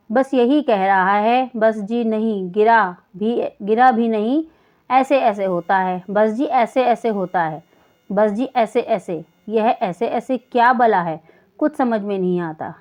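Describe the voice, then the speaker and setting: A woman reading the part of a worried father of a sick boy in a slow, bewildered way. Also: on the high side. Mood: on the phone. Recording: dull lo-fi recording.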